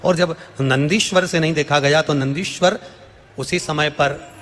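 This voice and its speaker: A man's voice: fairly high pitch, a little slow, a bit bright. A man telling a devotional sermon story to an audience, repeating phrases for emphasis and calling out questions to the crowd. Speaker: preacher. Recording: long hall reverb with faint music.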